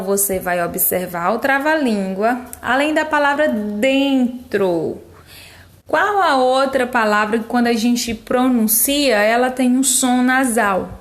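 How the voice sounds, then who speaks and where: Lady teacher, kinda high voice, talks super slow, stretches words out for little kids. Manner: drawn-out syllables to model sounds, affectionate diminutives. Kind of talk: slow, patient workbook explanation for young children.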